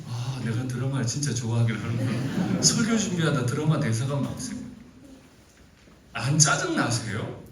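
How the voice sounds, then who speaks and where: A man's voice: mid-range voice, normal speed, very noisy. A middle-aged man preaching a sermon at a youth retreat, telling stories with feeling and breaking into exasperated outbursts. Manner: animated storytelling, rising to exasperated outbursts. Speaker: pastor. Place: large church hall at a youth retreat. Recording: echoey hall, voice from far off.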